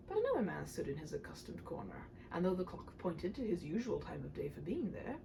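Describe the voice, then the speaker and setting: A woman's voice: mid-range voice, a little hiss or hum, poor audio. A woman reading a storybook aloud expressively, with chatty, casual asides. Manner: animated, chatty when stepping out of the text. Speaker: audiobook reader and host of the channel.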